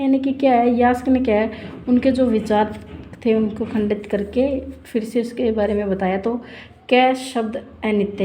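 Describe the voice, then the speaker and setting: A woman with a fairly high, mellow voice explains points of Sanskrit grammar in a lecture for exam preparation. She keeps asking herself questions and then answering them. The room around her rings with echo. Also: a little hiss or hum. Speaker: Sanskrit teacher.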